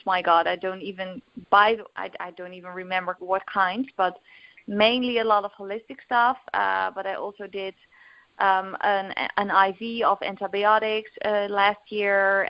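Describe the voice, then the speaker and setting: A young woman with a Dutch accent, originally from the Netherlands, has a mid-range voice recorded with no echo on dull lo-fi audio. She's a recovery coach appearing as a podcast guest, speaking openly with frequent fillers and restarts.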